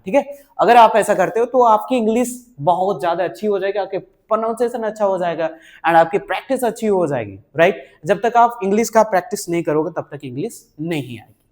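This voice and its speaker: A man's voice: high-pitched, a little mellow. A man teaching a spoken English lesson, mixing Hindi with English words and often checking on learners with short questions. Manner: repeats "ठीक है?" and "right?" to check on learners; asks questions and answers them himself.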